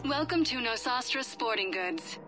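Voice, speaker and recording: Chirpy store loudspeaker announcer. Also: female voice, lively intonation, moderate pace, music in the background. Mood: upbeat. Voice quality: polished, sales-pitch delivery. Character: cheerful female shop announcement voice.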